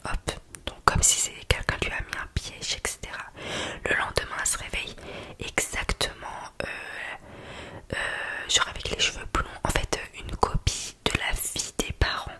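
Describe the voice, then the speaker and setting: Woman, library whisper, breathy, unvoiced, ASMR storytelling, informal, hesitant, conversational. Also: moderate pace, bright, forceful tone. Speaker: ASMR video creator.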